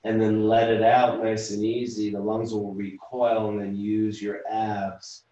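A low-voiced man leads a yoga class at an unhurried pace, cueing each breath and stretch calmly. He sits well back from the mic in a very echoey room, so his voice carries a roomy, distant quality. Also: muffled recording. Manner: slow, calm step-by-step cueing of breath and movement. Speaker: yoga instructor and physical therapist. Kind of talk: guided yoga class instruction. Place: room at home, teaching over video call.

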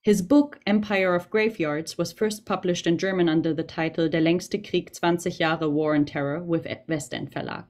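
Female moderator, low voice, polite, a little stumbling, video call. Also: steady tone, normal speed, few pauses, a little mellow. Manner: polite, organizing, stumbling over words.

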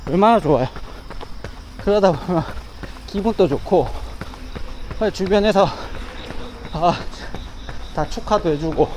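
A man's voice: high-pitched, darkish tone, low-quality recording. A man chatting casually on his own while running outdoors, speaking in short, broken phrases. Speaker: amateur runner vlogging. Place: outdoors along a riverside path. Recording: outdoor ambient noise.

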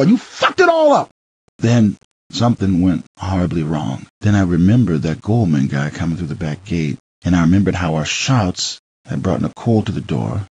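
In this audiobook of a first-person memoir, the male narrator's deep, husky, gravelly voice turns theatrical, alternating hushed passages with heated ones. The recording is dry, and its high frequencies are cut off.

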